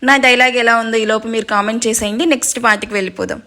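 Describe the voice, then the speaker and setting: A woman reading a romance drama aloud, steady and dramatic, with playful asides to listeners. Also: fairly high pitch, rapid-fire. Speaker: storyteller. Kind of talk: scripted narration.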